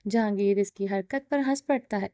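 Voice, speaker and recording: A woman reading a romance novel aloud in a steady storytelling manner. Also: mid-range voice, no echo, clean studio sound. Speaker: novel narrator.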